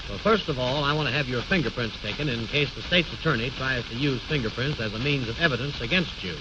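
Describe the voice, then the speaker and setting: An actor playing a calm, courteous lawyer with precise, formal diction in an old radio comedy. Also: male voice, medium pitch, quick pace, close to an everyday voice. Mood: businesslike. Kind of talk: 1930s-40s radio comedy acting. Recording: muffled, noisy old radio recording.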